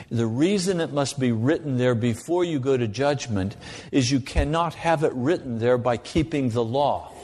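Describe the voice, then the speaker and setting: A male preacher delivers a grave sermon of warning in a long, ringing hall reverb. He speaks slowly at a middling pitch, exhorting his listeners with repeated phrases and rhetorical questions. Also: a little mellow. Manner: deliberate repetition and rhetorical questions. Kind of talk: sermon to a congregation.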